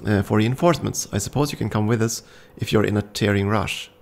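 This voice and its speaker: A man reading the lines of a brisk, bearded male soldier who gives curt orders in a game. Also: on the low side, vocal fry, slight background noise.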